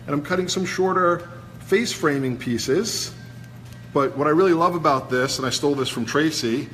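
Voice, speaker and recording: A man's voice: fairly high pitch, a bit bright. Man with a Brooklyn accent, informal hairdresser. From New York, USA. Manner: informal, explains step by step while working. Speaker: hairdresser demonstrating a cut. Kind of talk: casual live demonstration. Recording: noisy busy salon background.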